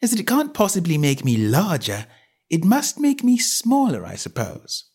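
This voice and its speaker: A curious, fretful young girl from a storybook speaks, as a man puts her on in a raised, earnest and wondering voice. Her pitch swings up and down in lively leaps. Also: a little slow, breathy edge, full character voice. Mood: musing.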